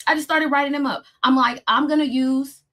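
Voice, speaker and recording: A woman therapist talks straight to her viewers in a casual advice chat, with a lilt. Her voice sits a little on the higher side, and she turns emphatic and lively when she presses a lesson, addressing everyone as "y'all.". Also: fairly quick. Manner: emphatic, addresses listeners as "y'all", rises sharply when stressing points. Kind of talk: casual motivational talk.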